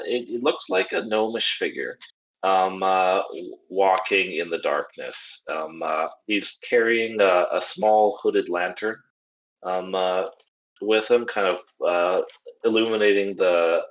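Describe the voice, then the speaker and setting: Low-pitched male game master, halting delivery, dull lo-fi call audio. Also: fairly bright tone, a little hiss or hum. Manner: hesitant, many ums and restarts. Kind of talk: narrating a tabletop game.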